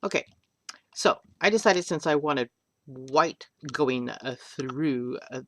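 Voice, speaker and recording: A woman's voice: extremely low pitch, slow, fairly bright tone. An older woman teaching a polymer clay craft on a webcam, chatty and rambling, with self-deprecating jokes along the way.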